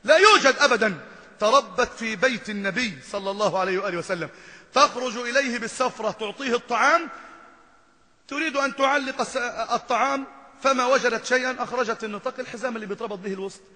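A man with an Egyptian accent preaching a sermon, telling stories with animated emphasis that swells into loud exclamations. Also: extremely high pitch, fast, long reverb tail. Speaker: imam and preacher. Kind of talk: storytelling sermon.

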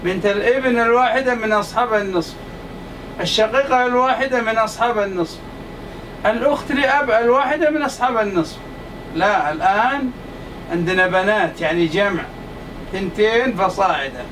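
Male lecturer, high voice, emphatic and repetitive, distant room mic with faint AC hum. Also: brisk, a bit bright. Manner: emphatic, repeats points to the class. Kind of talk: classroom lecture.

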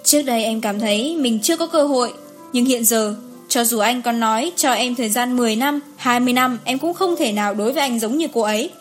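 A woman voicing an upset pregnant young wife, sharp and defensive, in an audiobook story. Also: a little high, fast talker, soft background music, lightly acted. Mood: calm resolve. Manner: sharp, defensive, then calm and resolute.

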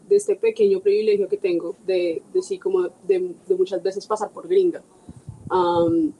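A woman talking as a guest in a casual conversation, animated, acting out quoted people and laughing. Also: mid-range voice, poor audio.

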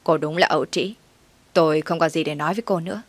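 Woman reading a cold scolding husband, curt, low voice, dry sound. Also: fast, no room sound. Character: cold, harsh young husband walking out.

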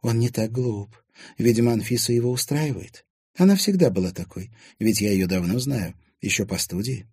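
A man's voice: lowish voice, lively intonation, moderate pace, darkish tone, husky, no echo, clean studio sound. A man voicing a friendly, frank young woman confiding in her brother.

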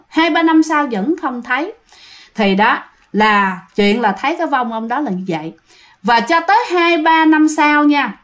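A woman with a Southern Vietnamese accent narrates a ghost story in a casual, chatty way. Her voice sits high, and she speaks straight to her listeners, often repeating words as she goes.

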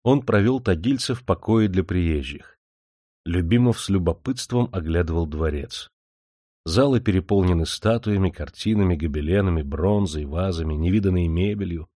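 Male narrator for audiobook prose, steady descriptive read, low register, dry close sound. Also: normal speed, no room sound.

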